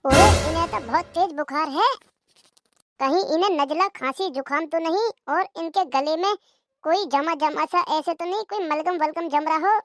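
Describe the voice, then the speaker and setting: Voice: very high-pitched, moderate pace, fairly bright tone, faint music behind. A performer voicing a village doctor who explains things plainly.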